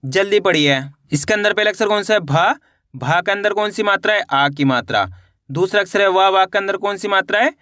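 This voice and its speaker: A man's voice: high voice, brisk, sharp tone, dry recording, studio quality. A man teaching an online reading lesson, sounding out each syllable and then reading the whole word, and urging viewers to practise along. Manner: spells out syllables then reads whole words.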